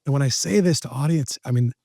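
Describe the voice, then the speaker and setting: Male motivational speaker as podcast guest: mid-pitched, animated, quick to joke, close and dry. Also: vocal fry, no room sound. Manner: lively, jokey, laughs at his own lines. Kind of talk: animated storytelling in conversation.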